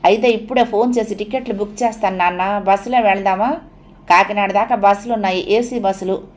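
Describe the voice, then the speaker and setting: A woman's voice: medium pitch, fairly even intonation, brisk, lightly acted. A woman voicing a remorseful grown son who speaks hesitantly in an audio novel. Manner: hesitant, pleading.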